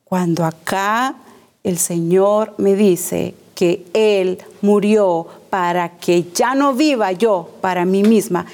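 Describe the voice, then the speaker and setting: A woman's voice: mid-range voice, darkish tone. A woman preaching a sermon to her congregation, speaking emphatically, repeating key phrases and asking rhetorical questions.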